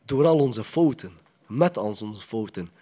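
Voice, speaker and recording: A man's voice: medium pitch, expressive, unhurried, warm tone. A man preaching a sermon in a conversational, emphatic way, often putting questions to the congregation.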